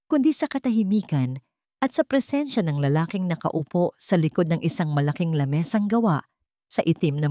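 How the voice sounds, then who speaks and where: Here the narrator is a woman with a Filipino accent, delivering a scripted dramatic story in a low voice with a dark tone. It's a clean studio recording with no echo.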